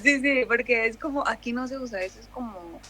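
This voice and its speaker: Brief: young woman, Mexican accent, relaxed chatty guest, restarts often. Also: on the high side, fairly quick. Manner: chatty, many fillers and restarts. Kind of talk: casual conversation.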